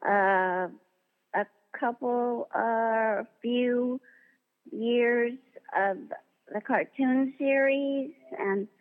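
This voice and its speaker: Chatty woman on a tinny phone line. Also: fairly high pitch. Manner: chatty, animated storyteller who acts out quoted dialogue. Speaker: interview guest, voice actress. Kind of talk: casual interview anecdotes. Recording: tinny phone-line sound in a long reverb.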